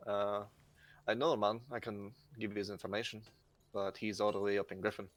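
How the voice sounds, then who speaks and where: A brisk, matter-of-fact woman blacksmith with an Irish lilt, running a small forge in a tabletop game, as a man with a lowish voice puts her on. She answers customers plainly and gruffly. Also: little pitch movement, close to an everyday voice. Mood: businesslike. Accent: Irish, put on. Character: short red-haired woman blacksmith, early thirties, brisk. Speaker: game master.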